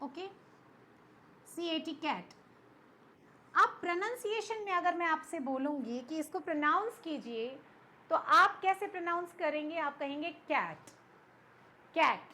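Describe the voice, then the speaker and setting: A woman's voice: sits high, fairly bright tone, a little hiss or hum. A woman with an Indian accent explaining an English lesson to students, patiently asking questions and answering them herself. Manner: mixes English words into Hindi. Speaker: English teacher.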